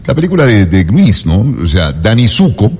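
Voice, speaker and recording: A man hosting a casual conversation, relaxed, often chiming in briefly. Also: fairly low pitch, normal speed, husky, long reverb tail. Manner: relaxed, lots of short backchannels. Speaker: host.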